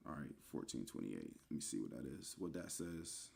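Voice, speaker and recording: A man's voice: extremely low pitch, very animated, a little fast, creaky, warm tone. A man casually teaching the meaning of scripture words, spelling them out letter by letter and calling the listener brother. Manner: informal, addresses listener as brother, many fillers and asides. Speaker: religious teacher. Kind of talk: casual online teaching with screen share.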